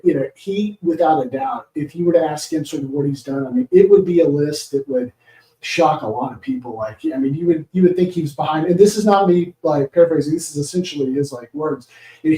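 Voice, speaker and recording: A man's voice: a little high, mellow. A man talking casually as a podcast guest, wry and hedging as he critiques someone. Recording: echoey room.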